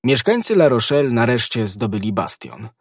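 A man narrating a classic adventure novel in a steady, expressive reading voice of middling pitch. The recording is close and dry, with no room echo. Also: moderate pace, breathy edge. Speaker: audiobook narrator. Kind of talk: scripted literary narration.

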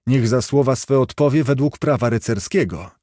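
A man's voice: medium pitch, moderate pace, mellow, no room sound, clean studio sound, close to an everyday voice. A man voicing a brave, dignified young boy knight who speaks firmly and earnestly in a storybook reading. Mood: defiant. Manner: firm, earnest.

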